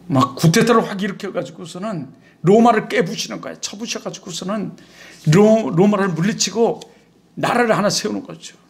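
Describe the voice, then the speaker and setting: Pastor guy preaching, chatty and animated, really high voice. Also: normal speed, gravelly. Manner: animated, conversational preaching with rhetorical questions. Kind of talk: sermon.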